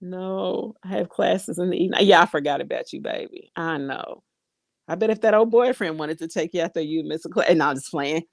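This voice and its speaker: A vlogger with a low voice chats casually to her viewers at a fairly quick pace, reading their comments aloud and laughing often. The sound is close and dry, with no room echo.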